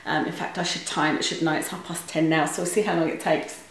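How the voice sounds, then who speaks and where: A woman's voice: sits low, little pitch movement, fast talker, slight background noise. A British woman chatting through a recipe in her home kitchen, her voice carrying a heavy room echo, with a rambling manner and plenty of ums. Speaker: cooking vlogger. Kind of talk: casual recipe demonstration. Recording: very echoey kitchen recording.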